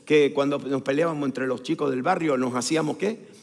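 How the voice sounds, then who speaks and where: A male pastor preaching a sermon, repeating words for emphasis and putting questions to the congregation, moving between loud declarations and quiet storytelling asides. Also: medium pitch, fairly even intonation, a little fast, creaky. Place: church sanctuary. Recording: church hall with long reverb.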